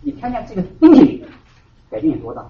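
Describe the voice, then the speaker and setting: A man preaching a sermon to his congregation as their pastor. He hammers key words loudly, then drops to hushed asides. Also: high voice, wildly swooping pitch, fast. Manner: emphatic preaching, swinging between loud stresses and hushed asides. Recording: roomy hall from a distant, dull mic.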